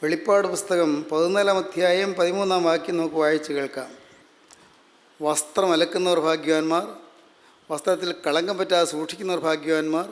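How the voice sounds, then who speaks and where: A man with a Malayali accent preaching a sermon, measured and repeating phrases for emphasis. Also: a little high, fairly even intonation. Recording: long hall reverb.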